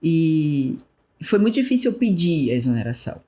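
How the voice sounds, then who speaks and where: A woman, a former health official, telling animated stories in a podcast interview and acting out remembered conversations. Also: low-pitched, moderate pace. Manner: animated storyteller who acts out remembered dialogue. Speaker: guest, former municipal health secretary.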